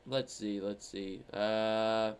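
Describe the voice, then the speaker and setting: A man's voice: on the low side, fairly even intonation, very slow, smooth. Rambling man swearing through a reaction stream. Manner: rambling, profane, lots of fillers. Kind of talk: casual reaction commentary.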